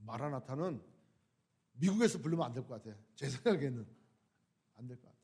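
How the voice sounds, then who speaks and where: A male pastor giving a sermon, full of rhetorical questions, rising to loud appeals and dropping to hushed asides. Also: mid-range voice, lively intonation, brisk, breathy edge. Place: church sanctuary.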